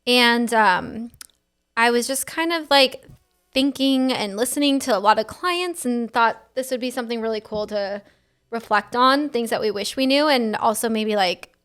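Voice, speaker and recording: Relaxed woman of thirty-nine, higher voice. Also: normal speed, smooth. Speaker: podcast host. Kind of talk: casual chat.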